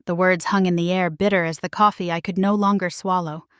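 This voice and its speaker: A woman's voice: lowish voice, steady tone, fairly bright tone, clear, resonant tone, dry recording, clean studio sound. Woman narrating a dramatic first-person story. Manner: measured, emotional storytelling.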